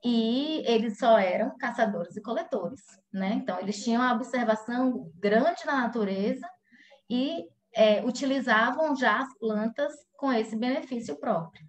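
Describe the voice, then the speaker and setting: A woman presents live online. Her voice sits a little high, and she explains at an easy pace, often pausing on fillers and restarting her sentences. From Salvador, Brazil. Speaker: physiotherapist presenter.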